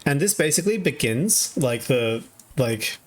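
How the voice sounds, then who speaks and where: A man's voice: mid-range voice, animated, measured pace. A young Australian man streaming, recapping online drama in rambling, casual chat with many fillers and frequent laughs. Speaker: VTuber streamer.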